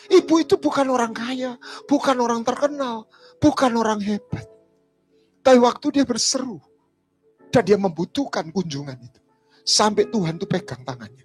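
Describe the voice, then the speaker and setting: A male pastor preaching a sermon, telling stories in a voice that swings from loud to hushed. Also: extremely high pitch, animated, normal speed, faint music behind.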